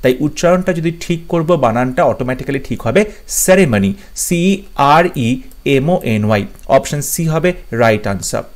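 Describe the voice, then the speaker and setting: A man's voice: medium pitch, expressive, unhurried. A man teaching English spelling to exam students, spelling words out letter by letter and repeating the key ones.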